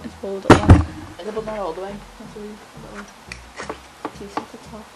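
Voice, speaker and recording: A teenage girl vlogs from her small bedroom while cooking, chatting in a rambling way and mumbling, her mid-range voice fairly quick with little pitch movement. A camera mic picks her up close, and loud music plays beneath her talk, making for heavy background noise.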